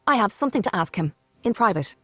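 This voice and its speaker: A woman voicing a composed young princess in a text game, reading calmly. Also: mid-range voice, quick pace, faint music behind. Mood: plain.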